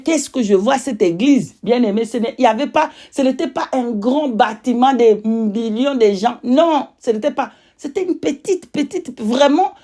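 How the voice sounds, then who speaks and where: A woman's voice: on the high side, a little mellow. Woman testifying in foreign-accented French, emphatic and repetitive. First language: not French. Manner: emphatic, repetitive, pausing to search for words. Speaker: religious witness giving testimony.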